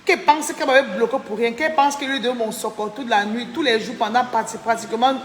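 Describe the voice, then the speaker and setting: A woman's voice: on the high side, fast talker, echoey room, long reverb tail, a little hiss or hum. A tired woman chatting on a live stream, thanking viewers by name and venting about a falling-out. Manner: chatty, reads out viewer names, indignant. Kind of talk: casual live-stream chat.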